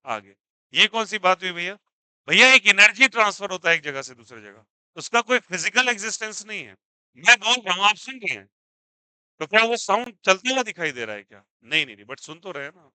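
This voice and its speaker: A male physics teacher with a fairly high, very bright and crisp voice, recorded close and dry. He lectures in a mix of Hindi and English, firing questions at his students and supplying the answers himself. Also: dry recording. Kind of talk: classroom lecture.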